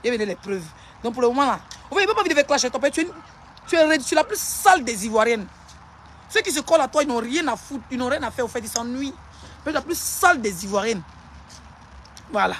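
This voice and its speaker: Taunting high-voiced Ivorian rant. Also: lively intonation, a bit bright, slight background noise. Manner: taunting, insulting, rapid-fire. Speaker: social media personality. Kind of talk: live-stream clash rant.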